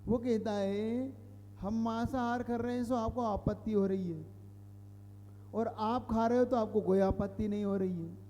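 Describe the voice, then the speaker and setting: Man, monk sermon, high voice, very dark mellow tone, long hall reverb. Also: fairly even intonation, measured pace. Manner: explanatory, repeats phrases and asks the audience questions. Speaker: Jain monk giving a discourse. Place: hall with a live audience.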